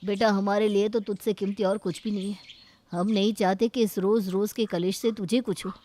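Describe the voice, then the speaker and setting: A woman's voice: medium pitch, steady tone, normal speed, dark tone, lightly acted. A woman voicing a stern, traditional older father in a cartoon story, lecturing about family honor. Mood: worried.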